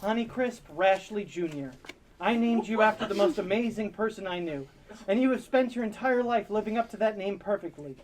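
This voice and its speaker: A woman's voice: mid-range voice, lively intonation, brisk, a little mellow, lightly acted. A woman playing a doting, dorky single dad, earnest and sentimental, in an improvised comedy audio drama. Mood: earnest urging. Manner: earnest, sentimental pep talks.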